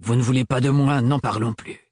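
A man's voice: mid-range voice, fairly even intonation, brisk, darkish tone, breathy edge, no echo, studio quality, close to an everyday voice. A man reading an audiobook, voicing a tall, cold man who speaks stiffly and curtly. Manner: stiff, clipped, hard.

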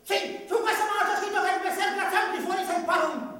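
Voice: very high voice, fairly even intonation, fast talker, sharp tone. An actor playing Arlecchino, a gullible, hungry comic servant in a commedia dell'arte stage play, exclaiming clownishly. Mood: boastful. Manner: exclamatory, clownish, echoing others' words. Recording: echoey hall from far off, audience noise.

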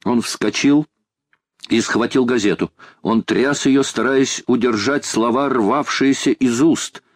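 A man narrating an audiobook in a measured, even storytelling manner. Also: medium pitch, dry recording, studio quality. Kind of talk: scripted narration.

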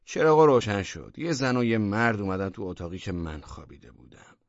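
A man's voice: fairly low pitch, big pitch swings, no echo, lo-fi sound. A man narrating a story in a wry, matter-of-fact manner, as an audiobook reading.

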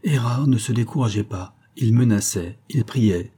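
Husky, mellow-voiced male audiobook narrator. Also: fairly low pitch, moderate pace. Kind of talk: scripted narration of a history book.

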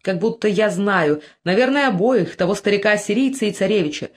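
A reader voicing a young Greek man who is jealous and furious, shouting threats in an audiobook. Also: medium pitch, lively intonation, brisk, close to an everyday voice. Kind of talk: audiobook character voice.

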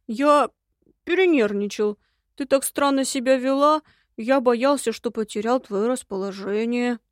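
A woman's voice: fairly high pitch, a little slow, dry recording, clean studio sound, natural voice. A woman voicing a fawning, lying man trying to make up with his wife, in an audiobook. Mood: pleading. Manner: wheedling, fawning. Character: fawning estranged husband, sly liar. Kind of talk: audiobook reading.

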